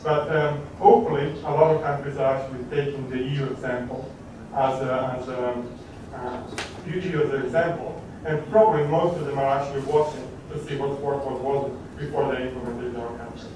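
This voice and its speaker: A man's voice: medium pitch, fairly even intonation, fairly quick, hardly any pauses. A man from Croatia, answering audience questions at a conference in a hesitant way, with many fillers and restarts. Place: large conference hall. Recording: echoey hall from a distant mic, background noise.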